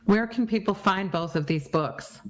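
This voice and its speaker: A woman's voice: mid-range voice, normal speed, a little hiss or hum. Woman, podcast host, mid-range voice, affirming, effusive, interviewing a guest. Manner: warmly affirming, effusive praise.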